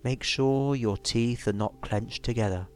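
A man leading a guided relaxation in a soothing, measured way, leaving long pauses between instructions. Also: mid-range voice. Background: music.

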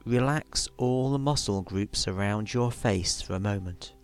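A man with a fairly low voice guides a relaxation session over soft background music. He speaks very slowly and soothingly. Each instruction is measured and followed by a long pause. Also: clean tone.

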